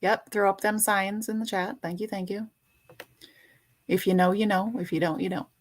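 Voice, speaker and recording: A woman's voice: medium pitch, fairly even intonation, normal speed. An older woman hosting a casual livestream chat, playful and teasing as she greets viewers by name. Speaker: livestream host.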